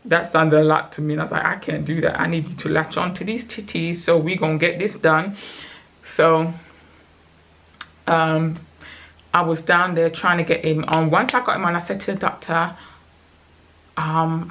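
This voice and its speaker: A woman's voice: fairly low pitch, vocal fry. A young woman, telling an emotional storytime vlog and acting out what was said. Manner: emotional, animated retelling with acted quotes. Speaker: vlogger.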